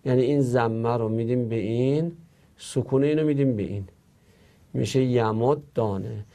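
A man's voice: medium pitch, mellow. Patient male teacher explaining grammar. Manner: patient, explains step by step, asks and answers own questions. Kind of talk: Arabic grammar lesson.

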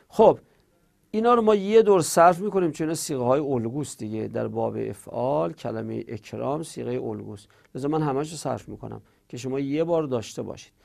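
A man teaching Arabic grammar in a Persian-language class, explaining patiently with filler pauses and rattling off conjugation tables in quick drilled runs. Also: medium pitch, vocal fry, a little mellow. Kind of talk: classroom lecture on verb conjugation.

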